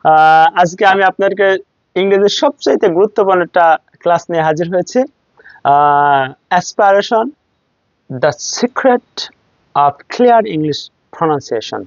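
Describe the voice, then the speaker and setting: A man's voice: sits high, slow pace, long pauses, no room sound. A man with a Bangladeshi accent teaching English pronunciation, drilling words aloud and contrasting wrong and right forms. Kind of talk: classroom-style lesson. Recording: dry, slightly muffled recording.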